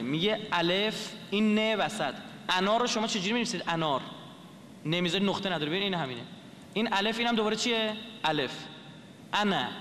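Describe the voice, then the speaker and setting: A man's voice: high-pitched, sharp tone, in a large hall, slight background noise. A man lecturing to an audience, explaining a script letter by letter and asking the listeners questions.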